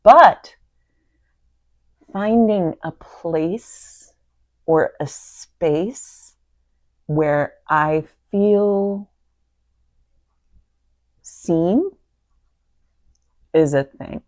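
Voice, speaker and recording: A woman co-hosting a casual conversation, wry and animated, often pausing to search for words. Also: lowish voice, dry recording. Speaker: co-host.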